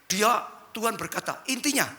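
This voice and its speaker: A man preaching a sermon as a pastor, dropping to low asides and rising to shouted, high-pitched exclamations. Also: lively intonation, moderate pace. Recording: echoey church hall.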